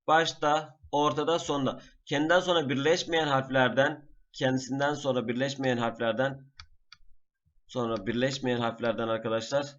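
A man teaching a class in a screen-recorded lesson, patiently naming each item slowly and repeating it. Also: mid-range voice, highs cut off. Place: at a computer.

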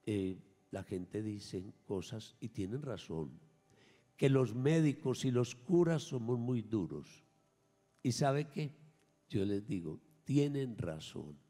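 A man, a priest, preaching a sermon at Mass, emphatic, swinging between raised and hushed lines. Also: on the low side, lively intonation, slow pace, long reverb tail. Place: church.

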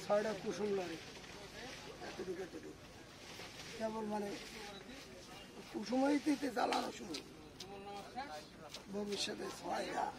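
Man, high voice, rambling casual chat, outdoor fish market, loud crowd behind. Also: expressive, measured pace, gravelly, pauses often, low-quality recording. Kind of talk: casual chat while working. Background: busy crowd noise.

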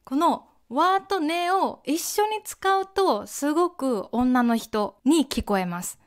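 A young woman hosts a language-learning podcast, talking slowly and clearly for her listeners. Her voice sits a little high, and her manner is gentle and friendly. Now and then she acts out short example phrases. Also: expressive. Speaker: podcast host teaching Japanese. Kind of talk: slow, clear explanation for learners.

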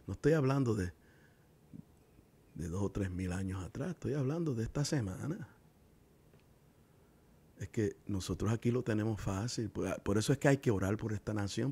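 A male pastor preaching a sermon from his living room, swinging from hushed tones to loud emphatic bursts. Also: lowish voice, breathy edge.

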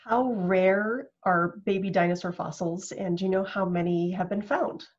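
Woman interviewer, husky breathy voice, friendly questions, dull lo-fi sound. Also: mid-range voice, fairly even intonation, normal speed. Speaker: interviewer host. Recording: dull lo-fi audio.

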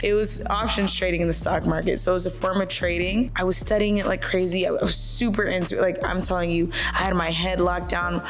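Young woman, earnest, lowish voice, handheld mic, faint music underneath. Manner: earnest, animated storytelling with hand gestures. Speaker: vlogger. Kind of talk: personal story and prayer to camera. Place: apartment living room at night, on a couch.

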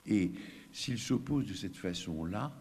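A man, a child psychiatrist, gives an animated, emphatic conference lecture with asides to the audience. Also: on the low side, a little slow, husky. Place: lecture hall. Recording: long hall reverb, faint background noise.

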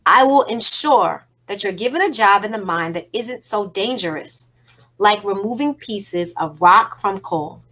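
A woman's voice: mid-range voice, lively intonation, a little slow, a bit bright. Woman reading as a weary coal-miner father. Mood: earnest. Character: tired coal-miner father, older man, sorrowful.

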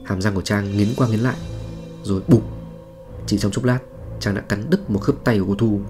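Man, low voice, suspenseful horror narration, soft music behind. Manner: dramatic, suspenseful storytelling. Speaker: storyteller. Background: faint music.

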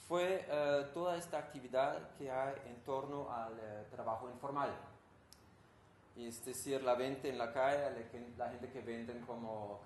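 Danish composer with a Danish accent, giving an informal talk to an audience, roomy sound with faint background noise. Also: male voice, medium pitch. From Denmark. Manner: engaged, asks the audience questions, searches for Spanish words. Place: room with an audience.

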